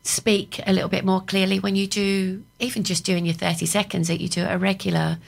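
A middle-aged woman with a hoarse, croaky voice with creaky starts, chatting casually as a business guest in a radio interview. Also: mid-range voice, level tone, fairly quick. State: hoarse morning-after voice. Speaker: guest, property business owner.

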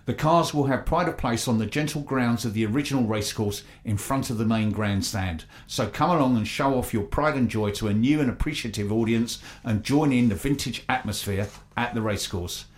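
An English man presents a local radio show at a middling pitch. He reads out announcements in a chatty style, hesitating often with ums and ahs. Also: brisk, few pauses.

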